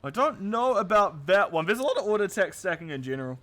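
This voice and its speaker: A man casting a live esports match, excitable and chatty, with quick laughs between his play-by-play calls. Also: high voice. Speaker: esports caster.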